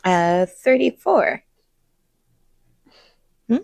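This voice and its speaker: A woman's voice: medium pitch, lively intonation, drawn-out words, creaky, darkish tone, no echo, studio quality. A woman co-hosting a casual commentary podcast, rambling with lots of "um"s and playful sound-effect noises. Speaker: podcast co-host.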